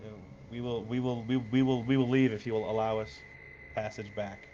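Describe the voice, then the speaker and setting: A man's voice: mid-range voice, steady tone, mellow, slight background noise, lightly acted. A man voicing an adventurer who halts and repeats himself while asking to be let pass. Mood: pleading. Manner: halting, repeats words. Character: adventurer calmly asking for safe passage. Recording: dull lo-fi mic.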